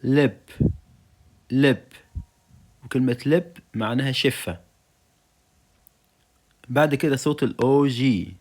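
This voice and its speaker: A man's voice: mid-range voice, unhurried, long pauses, a little mellow. A man with an Egyptian Arabic accent teaching English vocabulary to young children, saying each word twice and then giving its meaning.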